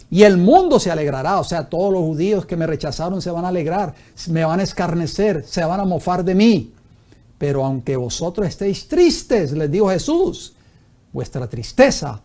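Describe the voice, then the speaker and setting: Preaching man, rhetorical and mellow. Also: on the high side. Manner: preaching with rhetorical questions, reading scripture aloud. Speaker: pastor. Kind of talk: Bible study sermon on TV.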